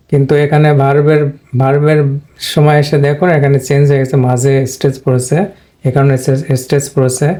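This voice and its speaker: A man teaching English pronunciation rules, explaining step by step and repeating himself, with an occasional throat clear. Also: fairly high pitch, dark tone. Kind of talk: whiteboard lesson explanation.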